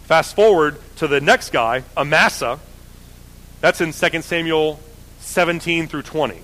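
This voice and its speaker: A man's voice: fairly high pitch, unhurried, a bit bright, poor audio. A man teaching the Bible in a casual, conversational way, often correcting himself. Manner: conversational, self-correcting, many fillers.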